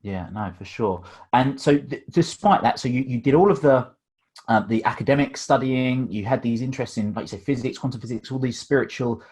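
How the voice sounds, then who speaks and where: A man hosts a podcast interview in a mid-pitched voice. He asks his questions in a pragmatic, chatty way, leaning on fillers and restarts as he goes. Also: a little fast, a little mellow, husky. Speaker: podcast host and coach.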